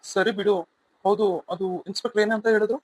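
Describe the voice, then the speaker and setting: A man's voice: high voice, level tone, a little fast, poor audio. A man voicing a stern, protective elder brother in a cartoon serial, blunt and commanding.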